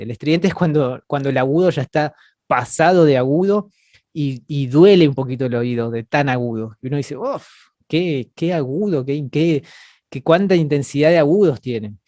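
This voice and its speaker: A man's voice: mid-range voice, darkish tone, dry recording. A man teaching an online class over a video call, explaining patiently and often repeating words as he goes.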